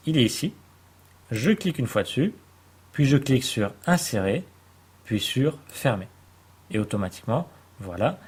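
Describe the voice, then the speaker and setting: A man gives a patient, step-by-step software lesson, pausing now and then to find his words. His voice is slightly husky and sits at an ordinary pitch. He sounds like a tutor narrating over his own screen. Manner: calm step-by-step explaining with hesitations. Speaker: computer tutor.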